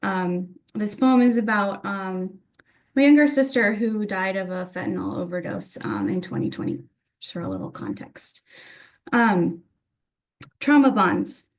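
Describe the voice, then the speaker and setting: A woman's voice: mid-range voice, sing-song, a little slow. A woman from Atlanta reading her own poetry at a literary reading, with informal introductions to each piece. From Atlanta, United States. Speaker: poet reading own work.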